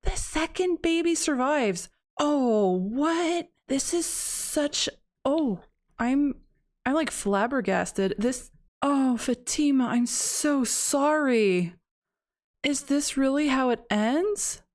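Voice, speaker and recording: A young woman with a fairly high voice, recorded at home on a desk mic. She keeps up casual gameplay commentary and talks straight to the characters on screen. Her delivery is expressive and full of exclamations. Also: slow pace. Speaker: gaming channel host.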